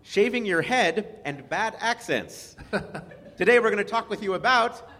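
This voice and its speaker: Male host, high bright voice, upbeat, jokey, live hall with audience. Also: expressive. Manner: upbeat, jokey, quick to laugh. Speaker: game show host. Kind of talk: live game show hosting.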